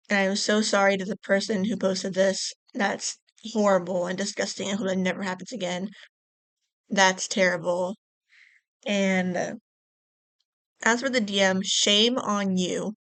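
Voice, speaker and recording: A young woman vlogger talks straight into the camera mic, earnest and repetitive, with casual fillers. Her voice sits at an ordinary middle pitch. The room sound is dry and close. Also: flat delivery, moderate pace, fairly bright tone, no room sound. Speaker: YouTuber reading stories. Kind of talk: casual vlog commentary.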